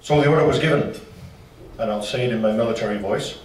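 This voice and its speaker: A local history presenter gives a slide-show talk to a club in a meeting room, folksy and tossing in joking asides. His voice is medium-pitched and darkish, and he talks fast. The recording carries a faint hiss or hum and sounds like a roomy hall captured from far away.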